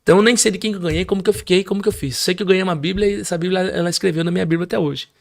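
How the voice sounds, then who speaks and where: Brazilian male guest preacher, high gravelly voice, animated testimony storyteller. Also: rapid-fire. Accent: Brazilian Portuguese. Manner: animated storyteller, acts out his mother's high crying voice. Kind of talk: testimony in casual conversation.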